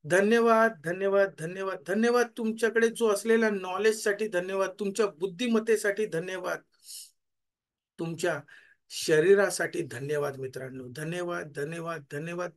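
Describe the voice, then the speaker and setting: A high-pitched man, working as a life coach, leads a guided gratitude meditation. He repeats his thanks, each time more softly, until his voice trails away.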